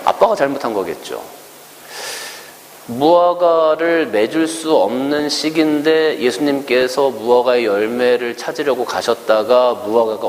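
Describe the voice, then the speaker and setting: A male pastor giving a conversational sermon, asking his congregation rhetorical questions and acting out quotes in a raised voice. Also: mid-range voice. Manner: acts out quoted speech in a raised voice. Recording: long hall reverb with faint hiss.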